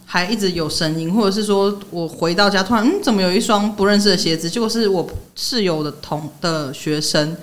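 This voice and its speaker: A young woman, co-hosting a podcast and telling stories in a lively way, laughing often. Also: mid-range voice, fairly quick, hardly any pauses. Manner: animated storyteller, laughs often. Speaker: podcast co-host. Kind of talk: casual chat.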